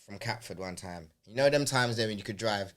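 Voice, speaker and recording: A man's voice: fairly low pitch, a little fast, fairly bright tone. A man telling a story in casual, slangy chat. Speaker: podcast host.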